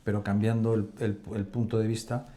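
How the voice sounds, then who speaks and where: Mellow-voiced male interviewer. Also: on the low side, little pitch movement, a little fast. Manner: brief affirming interjections, listening. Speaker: host. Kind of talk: casual interview.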